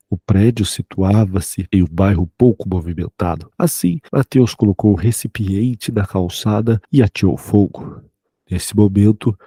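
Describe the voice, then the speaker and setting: A man narrating a horror short story in a steady, even reading. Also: deep voice, husky, no echo.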